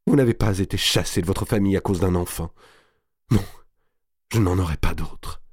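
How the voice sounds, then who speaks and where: A man's voice: sits low, normal speed, a little mellow, slightly rough, dry recording, studio quality. A man voicing a sobbing young mother. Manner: wailing, pleading, broken by sobs.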